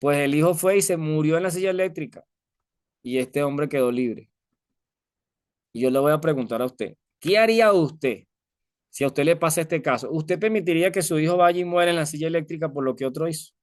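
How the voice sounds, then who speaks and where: A man's voice: fairly high pitch, a little fast, dry recording, studio quality. A man preaching a conversational sermon, telling an illustration and asking his listeners many rhetorical questions.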